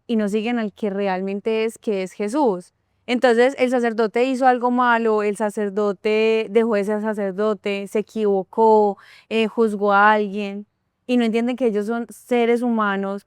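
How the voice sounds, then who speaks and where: A woman's voice: mid-range voice, clear, resonant tone, dry recording, studio quality. A woman, a guest on a faith talk show, speaking in earnest casual chat.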